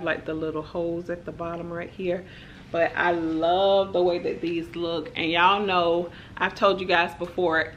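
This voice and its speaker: Here a young female vlogger chats through her haul to camera, easygoing and peppered with "like" and "y'all." Her voice is a touch low for a woman, with a faint hum from the room in the background.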